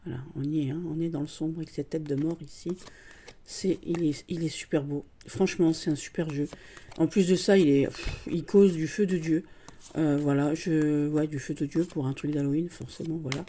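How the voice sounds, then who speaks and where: A woman's voice: sits low, steady tone, normal speed, warm tone, slight background noise. A middle-aged woman in casual show-and-tell chat, gushing and chatty about the cards she shows, with constant little fillers. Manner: gushing, chatty, full of "voilà" and "hein". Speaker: card-deck collector vlogger.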